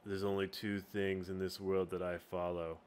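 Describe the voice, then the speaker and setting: A man voicing a greedy, cynical male mercenary with a low, gruff tough-guy manner. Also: flat delivery, normal speed, a little mellow, slight background noise, close to an everyday voice.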